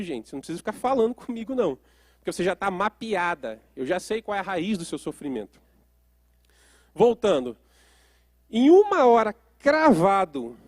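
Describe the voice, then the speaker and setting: A man's voice: high voice, darkish tone, dry recording. A man who works as a therapist, giving a lecture and telling a case story, asking the audience questions as he goes.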